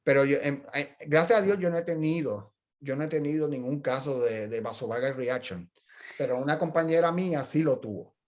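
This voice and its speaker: Speaking a little fast in a somewhat high voice, a middle-aged physical therapist chats informally at a journal club. He's a talkative storyteller who explains clinical points and frequently backs up to restart what he's saying.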